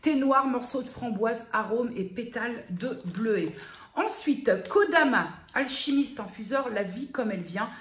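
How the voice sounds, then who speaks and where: A woman vlogger chatting casually as she reads out product labels, often pausing with fillers. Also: on the high side, animated, roomy sound. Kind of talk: casual vlog unboxing.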